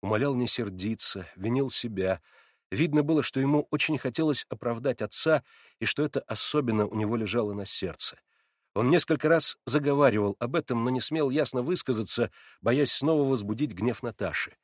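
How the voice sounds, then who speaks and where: A man narrating a classic novel as an expressive, measured audiobook reading. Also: mid-range voice, no room sound, studio quality. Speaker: reader.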